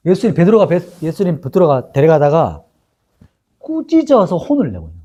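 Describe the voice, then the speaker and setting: A man's voice: on the high side, slightly rough, highs cut off. A male pastor teaching a Bible lesson, asking his listeners questions and reading scripture aloud with them. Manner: animated, asks the congregation questions, reads scripture aloud together.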